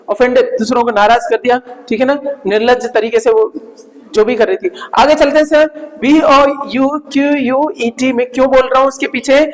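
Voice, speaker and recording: High-pitched male teacher, reverberant hall. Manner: repeats words and checks with "ठीक है ना?". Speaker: English vocabulary teacher. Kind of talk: Hindi-English vocabulary lesson.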